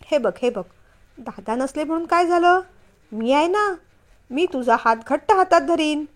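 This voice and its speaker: A woman's voice: sits high, moderate pace, natural voice. Woman voicing a stern scolding young husband. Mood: pleading. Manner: scolding, firm, louder.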